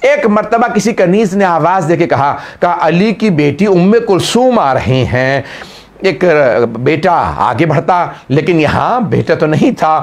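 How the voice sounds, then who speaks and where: A man's voice: animated, unhurried. A man with a Pakistani Urdu accent delivering a mourning sermon, building to crying, wailing climaxes. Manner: rises to high wailing climaxes. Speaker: religious orator.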